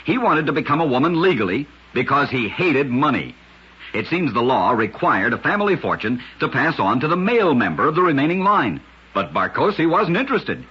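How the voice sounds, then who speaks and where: A muffled old radio recording carries a man's husky, gritty, medium-pitched voice as he hosts a vintage program. He tells short scripted stories with a dramatic storyteller's delivery.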